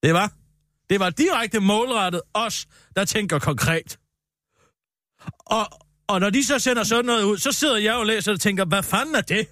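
A man's voice: high-pitched, sharp tone, no room sound, clean studio sound. A man voicing a paranoid, indignant middle-aged woman columnist in a comedy radio sketch, rambling in aggrieved complaints.

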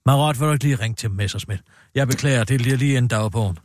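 A man's voice: medium pitch, natural voice. A man playing a sardonic, pushy woman political journalist in a satirical radio sketch, full of sarcasm. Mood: sarcastic. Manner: sarcastic, pushy, lively intonation.

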